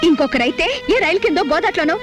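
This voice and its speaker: A woman's voice: very high voice, expressive, fast talker, music in the background. An actress playing a bold, stubborn young unmarried woman who scolds and argues sharply in a film scene. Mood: scolding. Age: young adult.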